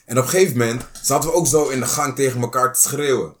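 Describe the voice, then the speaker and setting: A man's voice: medium pitch, fast. A man telling a story in casual chat, laid-back, mixing street slang with English phrases.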